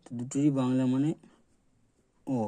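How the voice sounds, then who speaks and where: A man's voice: mid-range voice, flat delivery, moderate pace, mellow, dry recording. A man with a Bengali accent teaching letters in a casual lesson, repeating sounds and pointing at each letter as he goes. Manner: plain, repetitive, stops to point at letters. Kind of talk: explaining letters at a board.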